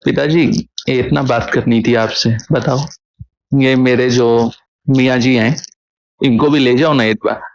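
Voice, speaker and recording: A man voicing a young woman who softly pleads with her father and reassures her husband, told within a devotional story. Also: medium pitch, fairly even intonation, measured pace, gravelly, highs cut off, voice pushed down. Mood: coaxing. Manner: soft, pleading. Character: young woman, tender and coaxing daughter and wife.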